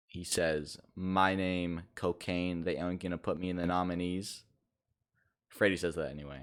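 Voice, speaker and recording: A young man with a very low, deep voice talks through an album track by track in a relaxed, unscripted podcast review. He rambles a little and often stops to correct himself. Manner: laid-back, rambling, with frequent fillers and self-corrections.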